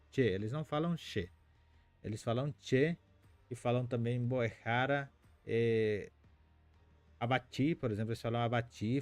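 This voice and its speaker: In a mid-range, darkish voice captured in a dry recording, a man from Paraguay whose first language is Spanish hosts a live-stream Guarani lesson. He keeps it conversational, reads out comments from viewers, and muses aloud with plenty of fillers.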